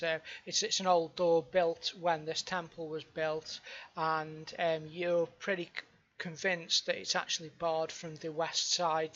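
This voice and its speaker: A woman's voice: sits low, a bit bright, dull audio. A woman running a tabletop game as game master, narrating and explaining in a hesitant, improvised way.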